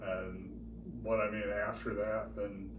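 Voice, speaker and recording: Older American man, low voice, halting interviewee who repeats himself, distant and roomy. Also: flat delivery. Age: 70s or older. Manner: halting, often repeats words. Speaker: interviewee, grandfather and war veteran. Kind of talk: reflective interview talk. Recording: roomy, distant mic with clear noise.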